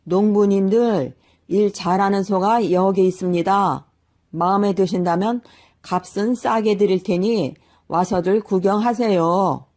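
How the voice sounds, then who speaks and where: Lady doing a crafty old guy selling an ox, slow knowing talk, dark soft voice. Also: low-pitched. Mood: hawking. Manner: unhurried, knowing, hawking loudly at market. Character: sly old man mask maker, calm and knowing.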